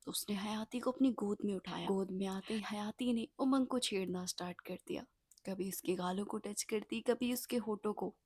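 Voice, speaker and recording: A woman narrating a romance story in a soft, half-whispered storytelling voice. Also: medium pitch, normal speed, slightly rough, dry recording, clean studio sound.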